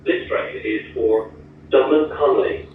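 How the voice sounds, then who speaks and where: A man giving a slow, formal recorded announcement over a train's loudspeaker. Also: on the low side, a little hiss or hum. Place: inside a train carriage. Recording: echoey tinny loudspeaker from far off.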